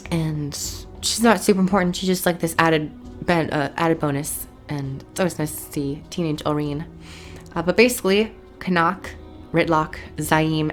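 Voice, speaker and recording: A woman casually and enthusiastically recapping a video game story as a reviewer, rambling a little and sounding tired. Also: fairly low pitch.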